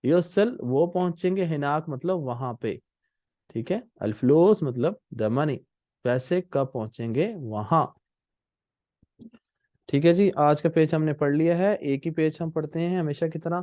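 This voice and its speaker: Guy teaching a language class, patient, says every word twice, bit high voice, dry sound. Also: a little slow, dark tone, no room sound. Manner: patient, repeats and spells out words. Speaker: Arabic teacher. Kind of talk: spoken Arabic lesson explained in Urdu.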